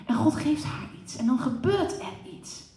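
A woman's voice: sits high, unhurried, roomy sound. A woman preaching a sermon, acting out voices from the story and putting questions to the congregation. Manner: animated, acts out the story's voices, asks the audience questions.

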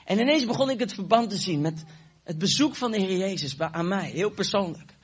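A high-voiced man preaches with a husky edge, acting out every line of dialogue as he tells his testimony. The sound is dull and a little lo-fi. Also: fairly quick. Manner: animated storytelling, acting out dialogue. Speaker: evangelist preacher. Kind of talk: sermon testimony.

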